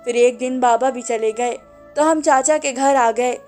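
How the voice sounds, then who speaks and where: A woman narrating a sad story in a soft, emotional storytelling manner. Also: high voice, a little slow, soft background music.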